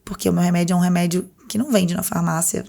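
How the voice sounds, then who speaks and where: A woman with a lowish, creaky voice speaks fast as a podcast guest sharing her story in a casual interview. She's an animated storyteller who acts out what other people said.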